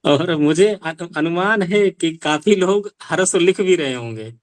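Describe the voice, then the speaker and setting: A man's voice: on the high side, measured pace, no echo. A male Sanskrit teacher giving an online language class, explaining step by step and asking rhetorical questions.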